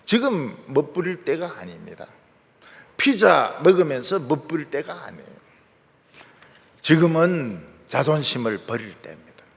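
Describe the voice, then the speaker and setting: A high-voiced man delivers a fervent sermon as pastor, his gravelly tone swinging widely and breaking into shouts. His voice rings through a large church hall with a long reverb. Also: big pitch swings, unhurried. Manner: fervent preaching, shouting out lines.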